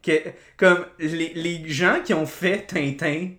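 A woman with a Québécois French accent, co-hosting a casual podcast chat, animated and swearing, with lots of fillers and loud laughs. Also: on the low side, slow. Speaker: podcast co-host. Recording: echoey room.

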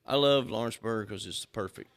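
A middle-aged man talking in a relaxed, jokey way about his hometown. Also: lowish voice, quick pace, gravelly, dry recording.

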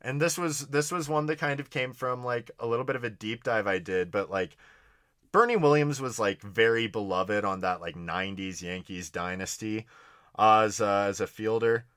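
A man's voice: fairly low pitch, normal speed, fairly bright tone, clean tone, dry recording, studio quality. A man chatting casually as a podcast co-host, rambling hesitantly with lots of "like" and laid-back slang. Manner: hesitant, rambling, heavy use of "like". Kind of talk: casual banter, fantasy draft commentary.

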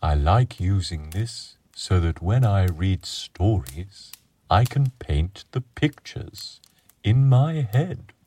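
A man voicing a gentle, friendly male dragon who guides children through a calm imagination exercise in a slow, soothing way. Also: low-pitched, full character voice. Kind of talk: children's relaxation storytelling.

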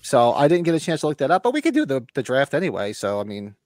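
A middle-aged man, a podcast co-host, speaks quickly at medium pitch, his nose stuffy and sniffly from allergies. Over a remote call he rambles and tells stories in casual chat as an animated storyteller, with slight background noise behind him.

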